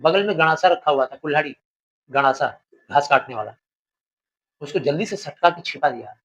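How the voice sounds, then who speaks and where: A man's voice: a little high, animated, normal speed, fairly bright tone, husky, dull audio. A male teacher explaining a literature lesson, paraphrasing the text and asking rhetorical questions.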